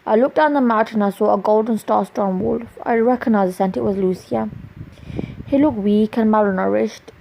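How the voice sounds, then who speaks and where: A woman reading her own romance story aloud in a plain, halting way with small restarts, in a dull lo-fi recording. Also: medium pitch, gravelly, darkish tone, a little hiss or hum.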